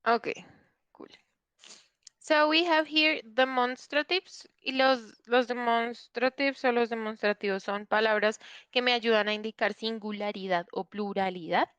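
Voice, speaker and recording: Woman teacher going slow and patient, bright clear voice, dry quiet room. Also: a little high, fairly even intonation, no echo, highs cut off. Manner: patient, checks in often with students. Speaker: English teacher. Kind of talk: online class explanation.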